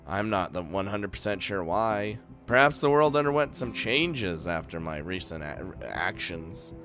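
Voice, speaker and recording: A man's voice: low-pitched, a little slow, faint music behind. A man playing a story game, reading its narration aloud and reacting with jokes and laughter. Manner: animated, laughs often, reacts loudly and jokes. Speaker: game streamer. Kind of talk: let's play, reading game text aloud with commentary.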